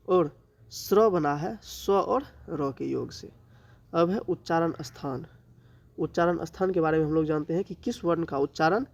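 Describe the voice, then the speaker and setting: High-voiced male teacher, slow and deliberate. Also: a little mellow, dull audio. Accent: Bihari. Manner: slow, drawn-out listing with rhetorical questions he answers himself. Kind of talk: exam-prep grammar lesson.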